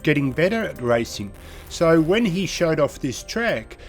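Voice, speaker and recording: A man's voice: a little high, darkish tone. A man hosting his sim racing channel in a casual, chatty way, his voice nasal and congested from a head cold. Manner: chatty, rambling, enthusiastic. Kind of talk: casual video commentary.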